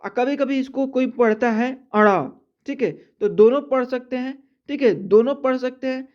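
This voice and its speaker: A man's voice: very high-pitched, moderate pace. Patient man teaching, dull lo-fi sound. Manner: repeats "theek hai" constantly, patient step-by-step teaching. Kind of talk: slow classroom explanation.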